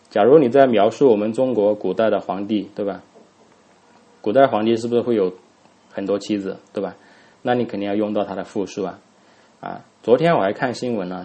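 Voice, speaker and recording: A man's voice: lowish voice, dark tone. A man teaching an English grammar lesson, who spells words out letter by letter, says each word twice and keeps asking his students rhetorical questions. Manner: asks students rhetorical questions, many fillers.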